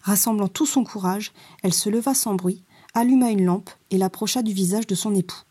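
Woman storyteller, storybook narration, measured and expressive, dark mellow voice, husky. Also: medium pitch.

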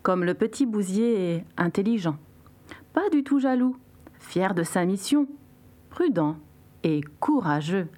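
Woman storyteller, children's tale, unhurried measured reading. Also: medium pitch, a little mellow. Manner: slow, measured.

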